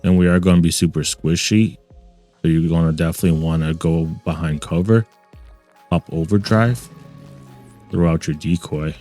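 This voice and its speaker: A man's voice: low voice, fairly even intonation, normal speed, pauses often, dark tone, soft background music. A man hosting a gaming channel, giving playful gameplay commentary and repeating his catchphrases, recorded at a desk mic in a home gaming setup.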